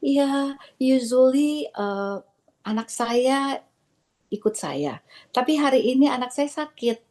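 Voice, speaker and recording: A woman's voice: high-pitched, expressive, slow, darkish tone. A woman quoting a frail ninety-year-old lady. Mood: polite. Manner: speaks with a tremor.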